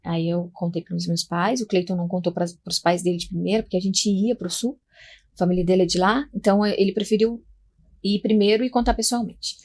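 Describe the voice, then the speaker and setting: Brazilian woman, young, quiet voice, tells her story on a podcast and acts out what people said. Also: medium pitch, fairly even intonation, a little fast. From Minas Gerais, Brazil. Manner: soft-spoken, acts out quoted lines. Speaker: guest mother. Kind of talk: personal storytelling in a podcast chat.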